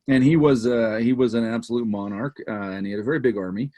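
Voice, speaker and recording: A male guest author in a relaxed conversation, with an average-pitched voice. He tells his story with animated energy and keeps restarting his sentences. He leans on plenty of fillers as he goes. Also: fast. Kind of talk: casual conversation.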